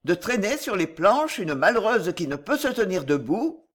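A reader voicing a menacing male bullfighter who speaks with calm, cold scorn. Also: mid-range voice, moderate pace.

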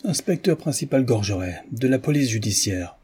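Audiobook: male narrator playing a brusque, self-important inspector with a dark, husky voice. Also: medium pitch, animated, moderate pace. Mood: gruff. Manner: gruff, blunt. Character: brusque, boastful middle-aged police inspector.

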